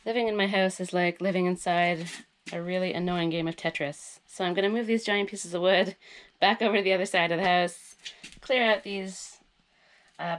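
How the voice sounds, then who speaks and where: A DIY vlogger with a fairly low voice and a stuffy nose from a head cold narrates casually while working on her tiny house, chatting in a self-deprecating way. Slight background noise is present.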